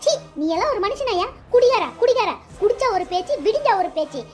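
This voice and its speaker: Brief: fierce protective stepmother, a woman voicing her, shrill and quick, cartoon. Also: very animated, darkish tone. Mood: angry. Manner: scolding, shrill, rapid. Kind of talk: cartoon dialogue.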